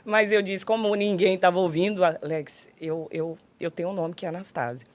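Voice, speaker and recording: Woman, middle-aged, Brazilian accent, podcast host, animated storytelling, slightly low voice. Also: moderate pace. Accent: Brazilian Portuguese. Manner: animated, acts out quoted dialogue. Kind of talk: emotional personal storytelling.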